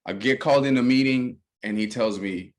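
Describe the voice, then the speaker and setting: A man's voice: medium pitch, a little fast. A man from El Salvador hosting a casual interview, laid-back and slangy, often saying bro. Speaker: host.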